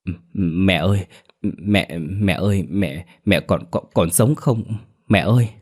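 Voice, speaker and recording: A man's voice: sits low, slow pace, darkish tone, breathy edge, exaggerated voice. A man voicing a guilty, terrified daughter-in-law who stammers in panic. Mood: stammering, terrified.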